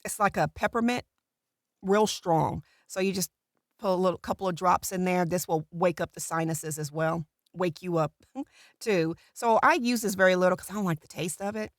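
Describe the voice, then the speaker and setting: A middle-aged woman voiceover artist with natural vocal fry casually explains a routine to camera from a small recording booth. Her voice is on the low side at a normal speed, and the studio-quality recording has no room sound.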